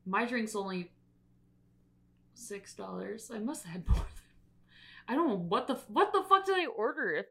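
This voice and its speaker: A woman's voice: on the high side, lively intonation, moderate pace, creaky, pauses often, sharp tone. A young adult woman co-hosting a podcast in casual chat, often laughing and swearing casually. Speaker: podcast co-host.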